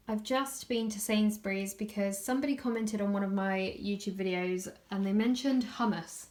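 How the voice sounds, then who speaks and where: A woman's voice: medium pitch, moderate pace, a little mellow. A young woman in her twenties chatting casually in a vlog, tired and out of breath, laughing often between fillers. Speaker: vlogger.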